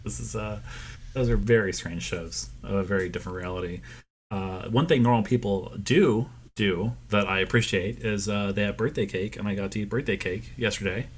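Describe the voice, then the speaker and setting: A man co-hosting a podcast in casual comedic chat, with dry, deadpan jokes. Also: lowish voice, moderate pace, slightly rough. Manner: dry, jokey, deadpan absurd asides. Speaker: podcast co-host.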